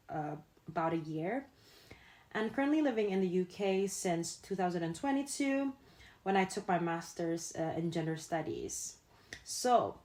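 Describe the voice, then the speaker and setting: A young woman from Indonesia hosts a casual podcast chat in a fairly low voice. She talks earnestly and keeps pausing on fillers as she gathers her thoughts. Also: darkish tone. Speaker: podcast host, founder.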